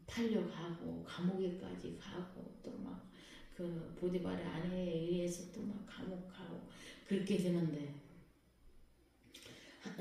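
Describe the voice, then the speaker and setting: A woman's voice: fairly low pitch, warm tone, slight background noise. A woman pastor preaching a sermon who keeps questioning her congregation and waiting for their reply. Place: prayer house worship hall. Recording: very echoey hall, voice far from the mic.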